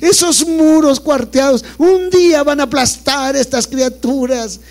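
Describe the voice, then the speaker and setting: A man's voice: very high voice, measured pace, darkish tone, pitched above the performer's own voice. A man voicing a dramatic, pleading nun in a told joke. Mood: alarmed. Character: dramatic fretting nun, woman, middle-aged.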